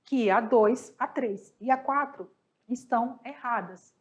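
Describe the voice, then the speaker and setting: A Brazilian woman teaching a class, a little hoarse, patiently asking questions and answering them herself. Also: a little high, unhurried. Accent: Brazilian Portuguese. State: slightly hoarse, coughing. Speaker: Spanish teacher. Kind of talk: online class explaining exercises.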